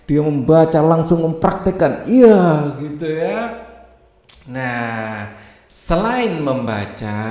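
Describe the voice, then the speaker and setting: A man reads a children's storybook aloud in a lively, unhurried way, with a slightly high voice. He keeps breaking off to explain each line to the young listeners. The room around him is echoey. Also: gravelly. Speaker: teacher.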